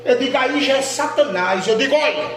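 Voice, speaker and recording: A man, a pastor, telling a testimony in a sermon, dropping to a hush and rising to shouts. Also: extremely high pitch, lively intonation, brisk. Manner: dramatic storytelling, swings from hushed to shouting. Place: church hall. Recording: echoey hall with noise.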